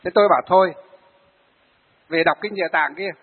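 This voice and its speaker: A Buddhist monk, giving a sermon to lay followers and telling stories of them in a lively way. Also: male voice, high-pitched, fairly quick, slightly rough. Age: 40s. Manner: storytelling, acts out the people he tells of. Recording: phone-like, hall reverb.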